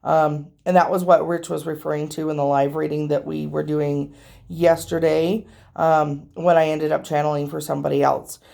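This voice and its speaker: A woman with a deep, gravelly, hoarse voice that's a little nasal from allergies, since she's losing her voice. A tarot reader and channel host, she rambles chattily to viewers in a casual vlog, full of ums, at a moderate pace with a level, darkish tone.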